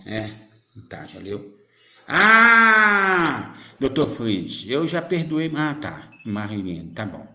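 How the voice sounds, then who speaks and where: A man with a lowish voice speaks slowly but very animatedly as a spiritist medium answering viewers. His informal spiritual teaching is playful and chatty, packed with rhetorical questions, and a roomy echo surrounds him.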